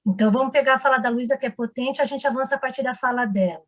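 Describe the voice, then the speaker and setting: A woman's voice: high voice, racing, fairly bright tone. Encouraging woman leading seminar. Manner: encouraging, asks the group many questions. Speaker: teacher trainer leading a seminar. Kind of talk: online seminar, leading a discussion. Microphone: video call microphone.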